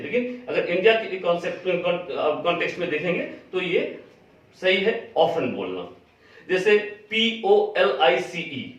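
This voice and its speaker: A man with a fairly high voice gives a spoken pronunciation lesson. He spells each word out letter by letter and repeats the correct form patiently. The sound is very echoey, picked up from a distance with a dull tone. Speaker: English pronunciation teacher.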